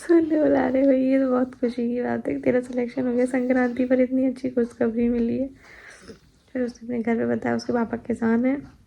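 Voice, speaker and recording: A young pregnant vlogger sits at home chatting about her day, tired but laughing now and then as she recounts stories. Her voice is high, gravelly and flat, a little fast, and the recording sounds muffled.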